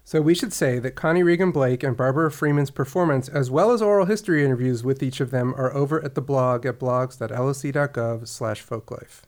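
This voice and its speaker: A man's voice: mid-range voice, fairly quick, hardly any pauses. A man co-hosting a podcast, giving background information with a wry touch. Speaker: podcast co-host. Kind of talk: scripted podcast chat.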